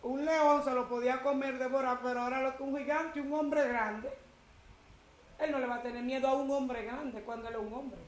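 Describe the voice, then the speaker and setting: A woman's voice: high voice, steady tone, normal speed, reverberant, slight background noise, poor audio. A woman preaching a testimony in a sermon, telling her story with emphatic quoted speech.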